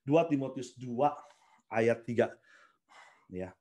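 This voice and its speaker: A man's voice: medium pitch, animated, slow pace, mellow. A man with an Indonesian accent preaching casually in a video church service, mixing in English phrases and acting out prayers. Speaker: pastor. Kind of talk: sermon over video call.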